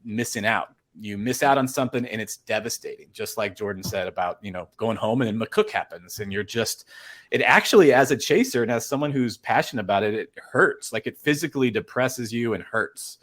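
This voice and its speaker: A man's voice: on the low side, animated, brisk, fairly bright tone. A man talking casually as an interview guest, rambling earnestly with many fillers and restarts. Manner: earnest, emotional storytelling. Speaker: storm chaser guest.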